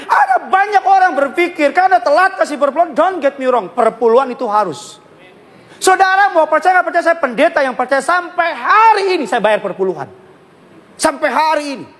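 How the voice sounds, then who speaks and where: A male pastor with a notably high voice delivers a lively, joking sermon, drawing the congregation into call-and-response. He drops English phrases in among his preaching. The sound rings with the long reverb of a large church sanctuary.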